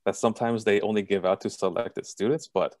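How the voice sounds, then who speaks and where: A man from Southern California runs an online admissions session over a video call. His voice sits low and close and dry, with no room around it. He talks in an even, self-described monotone and is blunt about what he thinks. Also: fairly quick, no echo. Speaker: college admissions representative. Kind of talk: online information session presentation.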